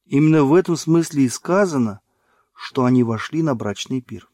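A man narrating a religious book in a measured, solemn reading. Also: medium pitch, expressive, darkish tone, dry recording, clean studio sound. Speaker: audiobook narrator.

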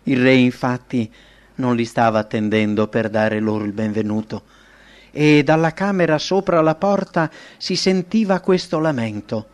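A man narrating a religious history audiobook in an even, measured reading. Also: medium pitch. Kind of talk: scripted narration.

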